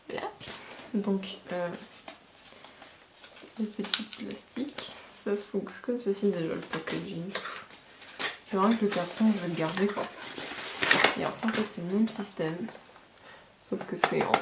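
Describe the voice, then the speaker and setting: A woman chats through a casual beauty haul review, hesitating often as she talks. Her voice sits at a middle pitch and bounces around an echoey room, with steady background noise behind her. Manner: chatty, many fillers and hesitations. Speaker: beauty vlogger.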